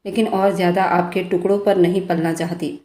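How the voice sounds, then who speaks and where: A sorrowful young wife pushing back in a storybook tale, read by a woman. Her tone is low and soft. The room around her echoes. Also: flat delivery, fairly quick, lightly acted. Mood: defiant. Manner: pleading, wounded. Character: young grieving wife, hurt but defiant.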